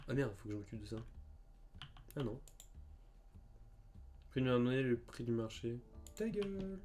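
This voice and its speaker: With soft music in the background, a young man streams a game and chats through a casual story in a mid-range voice at moderate speed. He sounds animated, stammers, and fills his speech with fillers.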